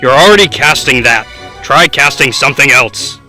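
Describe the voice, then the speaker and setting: A man's voice: medium pitch, animated, normal speed, sharp tone, soft background music. A man playing an exasperated game master in a tabletop comedy sketch. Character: exasperated game master reining in his players.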